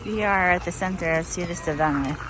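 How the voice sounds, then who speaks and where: A woman's voice: lowish voice, a little fast. A woman gives casual, delighted running commentary outdoors in a park, often repeating short exclamations. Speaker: family vlogger filming an outing. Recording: noisy outdoor park recording. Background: honking geese and park ambience.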